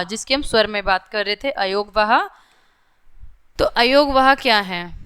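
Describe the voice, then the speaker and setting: A young woman teacher explaining lessons to small children, slowly sounding out letters and checking again and again that they follow, with English words mixed into her Hindi. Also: on the high side, sharp tone, clear, resonant tone.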